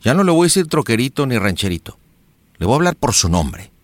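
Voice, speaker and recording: A man's voice: medium pitch, very animated, fast, no room sound, pitched below the performer's own voice, lightly acted. A man plays a brash young boyfriend on a prank call, mocking and then theatrically formal. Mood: mock-polite. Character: brash young boyfriend turned mock-polite. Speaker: radio prank host.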